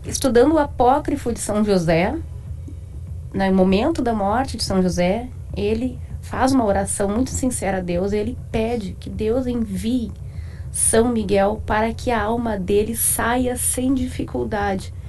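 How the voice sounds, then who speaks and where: Mellow-voiced Porto Alegre woman explaining. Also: fairly high pitch, a little slow, a little hiss or hum. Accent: Brazilian Portuguese, Porto Alegre. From southern Brazil. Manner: explanatory, devout, many tag questions. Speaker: author and guest. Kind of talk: radio interview. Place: radio studio.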